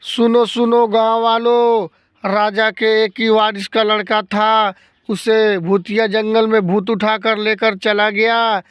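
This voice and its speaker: Picture a village crier in a homemade skit, drawing out each word as he proclaims a reward as a man plays him. The voice is high and smooth with very little rise and fall, and the sound is dry and close. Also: little pitch movement, dry recording, lo-fi sound. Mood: proclaiming. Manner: slow, drawn-out proclaiming.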